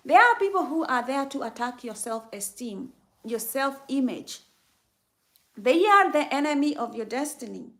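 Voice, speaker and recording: A woman's voice: sits high, animated, moderate pace, fairly bright tone. Emphatic preachy woman from Kenya. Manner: preachy, emphatic, repeats phrases for effect. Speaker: livestream host. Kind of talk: faith-based motivational talk.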